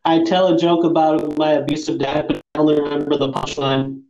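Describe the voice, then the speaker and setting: A man hosting a casual podcast with crude, dark joking, recorded in an untreated room that sounds like the inside of a fishbowl. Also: on the high side, little pitch movement, brisk, gravelly, roomy sound, lo-fi sound. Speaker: podcast host. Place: echoey room, not soundproofed.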